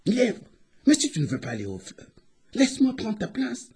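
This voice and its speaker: A man's voice: high voice, huge pitch swings, normal speed, darkish tone, slightly rough, pitched above the performer's own voice, full character voice. A man voicing a small, helpful squirrel in a folk tale, speaking lightly and with curiosity. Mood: curious.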